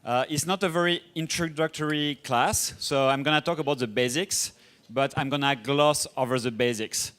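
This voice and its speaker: A young man from France with a strong French accent, giving a casual, fast-paced conference masterclass. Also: medium pitch, steady tone, a bit bright, clear, resonant tone. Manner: fast, casual, self-deprecating, with filler restarts. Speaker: conference speaker. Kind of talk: masterclass presentation.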